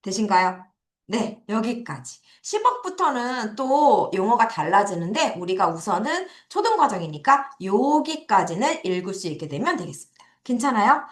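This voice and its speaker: A woman's voice: medium pitch, sing-song, moderate pace, reverberant. A woman teaching English number words to children in a recorded lesson, asking questions and answering them step by step. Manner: explains step by step with quiz questions to students. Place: classroom at an academy.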